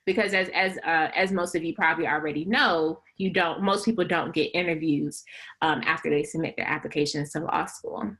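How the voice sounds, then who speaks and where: A young woman coaching law school applicants in a webinar, talking in a chatty, animated way with lots of "like" and laughs between phrases. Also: low-pitched, a little fast. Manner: chatty, animated, heavy use of "like". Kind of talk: webinar presentation.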